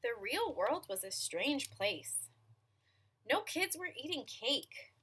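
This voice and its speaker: A woman reading a children's picture book aloud in an expressive, dramatic manner, with asides to young listeners. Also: high voice, slow pace, slightly rough. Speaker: storybook reader.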